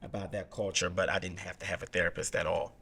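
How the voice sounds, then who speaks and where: Man, thirties, lowish voice, explanatory, rhetorical questions, casual podcast. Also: little pitch movement, fast, gravelly, sharp tone, breathy edge. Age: 30s. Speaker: therapist guest.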